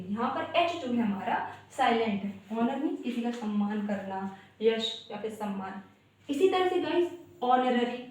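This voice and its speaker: A young woman gives a step-by-step pronunciation lesson, spelling each word out letter by letter. Her voice sits fairly high. She is recorded from a distance in a very echoey room. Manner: explains step by step, spells words out letter by letter, keeps saying "guys". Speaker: English teacher. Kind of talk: Hindi-language English pronunciation lesson.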